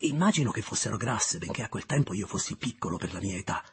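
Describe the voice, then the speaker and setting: A man narrating an audiobook in a measured, deliberate reading style, with a husky voice. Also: fairly low pitch, animated. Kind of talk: scripted literary narration.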